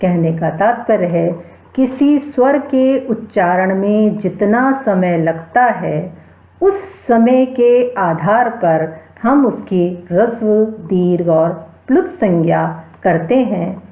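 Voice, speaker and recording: A woman teaching a Sanskrit grammar lesson, explaining slowly and repeating key terms while she spells out each sound. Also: medium pitch, expressive. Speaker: Sanskrit lecturer. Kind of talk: slow explanatory lecture. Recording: echoey room over a tinny phone-like line.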